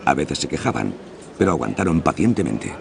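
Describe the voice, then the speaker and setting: Very deep, gravelly documentary narrator, male. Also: very animated, fairly quick, a crowd in the background.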